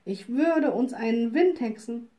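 Old wood-gathering women, poor, worried, plaintive, high voice, storybook, voiced by a woman. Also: lively intonation, a little slow, warm tone. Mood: resigned.

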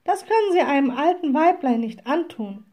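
A woman voicing a cheeky little old witch who talks high and sweetly mocking. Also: lively intonation, moderate pace, dark tone. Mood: sly sweet.

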